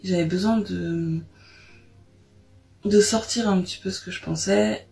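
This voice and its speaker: Hesitant woman with a gravelly voice. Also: medium pitch, steady tone, unhurried, warm tone. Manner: hesitant, many fillers, frustrated. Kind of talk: personal confession to camera. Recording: roomy echo with faint music.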